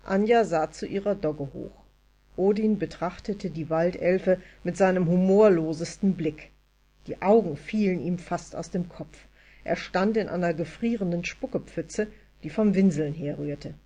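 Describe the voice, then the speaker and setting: A woman narrating a story aloud in a lively, expressive reading style. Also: lowish voice, measured pace, muffled recording. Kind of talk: audiobook storytelling.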